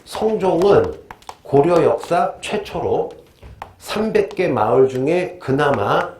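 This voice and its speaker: A man teaching a history lecture in a lively, joking way, constantly quizzing his students. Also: on the high side, takes it slowly. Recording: echoey room, faint noise.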